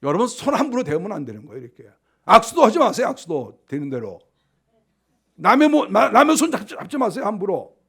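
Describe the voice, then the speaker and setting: A man pastor preaching a sermon in a fairly high voice. His pitch swings widely as he acts out scenes. He also scolds the congregation with animated emphasis. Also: a little fast, slightly rough.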